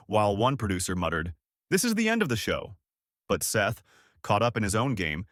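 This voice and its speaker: A man's voice: lowish voice, fairly bright tone, no room sound, studio quality. A man reading a dramatic scripted story as its narrator.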